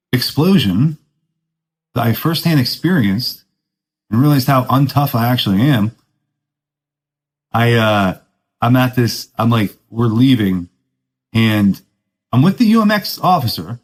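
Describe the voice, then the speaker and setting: A man's voice: mid-range voice, rough recording. A man hosting a podcast, telling a rambling story in casual surfer talk, self-mocking and laughing often. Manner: laid-back surfer talk, keeps saying "dude". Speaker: podcast host.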